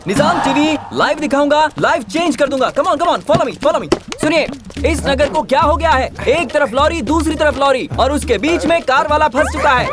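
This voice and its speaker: A man dubbing a pushy male TV reporter with brash, rapid patter. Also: very high voice, noisy background. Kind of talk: Hindi film dub. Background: background music.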